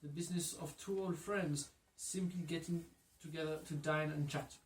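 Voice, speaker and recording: A man's voice: fairly high pitch, fairly even intonation, normal speed, a little hiss or hum, natural voice. A man voicing an elderly Frenchman, an old friend of a general, speaking formally with an attempted French accent. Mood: courteous. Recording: echoey room, mic far off.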